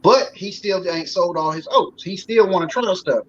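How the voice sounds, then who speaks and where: A man's voice: high-pitched, normal speed, slightly rough. Man talking loosely on a talk show. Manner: loose, conversational, folksy with many fillers. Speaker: guest. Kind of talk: casual talk show conversation. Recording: slightly dull sound with faint noise.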